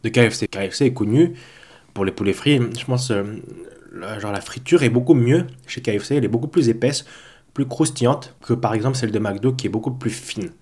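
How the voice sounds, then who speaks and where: A man's voice: medium pitch, brisk, darkish tone, breathy edge. A man with a stuffy, blocked-nose voice from a cold, chatting casually and a little hesitantly to camera as he hosts a food vlog at home. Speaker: host of a mukbang food review vlog.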